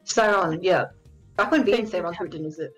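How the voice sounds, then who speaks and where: A woman's voice: fairly low pitch, a little fast, music in the background, poor audio. A woman co-hosting a casual podcast, telling stories eagerly and gushing. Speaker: podcast co-host. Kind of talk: casual chat.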